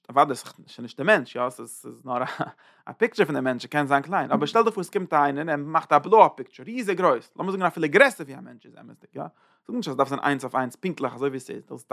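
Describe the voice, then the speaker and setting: A man's voice: fairly high pitch, expressive, fast, vocal fry, a bit bright, dry recording, studio quality. A man teaching a Torah lecture, thinking aloud and searching for words as he explains. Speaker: religious teacher.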